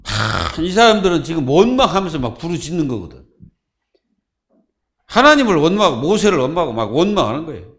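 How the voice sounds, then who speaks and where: A man's voice: on the high side, very animated, fairly quick, fairly bright tone. A man preaching a Friday sermon as pastor, asking the congregation questions and answering them himself.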